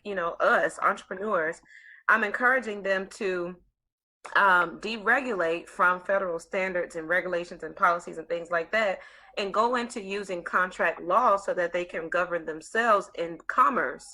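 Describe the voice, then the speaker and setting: A woman hosting a casual conversation, explaining her ideas in an earnest, steady way. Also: mid-range voice, low-quality recording. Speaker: host.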